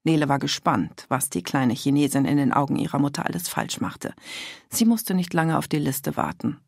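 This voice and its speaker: Audiobook narrator, woman; calm, even; husky, dry close recording. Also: deep voice, normal speed, dry recording. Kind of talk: scripted narration.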